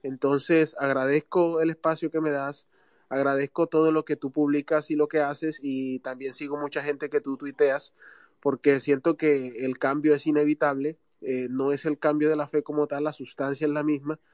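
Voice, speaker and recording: Colombian caribbean guy in his 30s, bit high voice, dry sound, lots of "eh". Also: level tone, normal speed, a little mellow, no room sound. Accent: Colombian Caribbean coast. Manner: hesitant, many fillers. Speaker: caller. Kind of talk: live audio space call-in.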